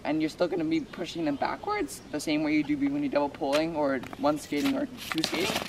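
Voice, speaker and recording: Young guy explaining cross country skating outside, kinda high voice, far off mic, wind and noise behind. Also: animated, brisk. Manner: casual, explains step by step with fillers. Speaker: ski instructor. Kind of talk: outdoor instructional talk. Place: snowy outdoor ski trail. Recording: distant outdoor mic with noise.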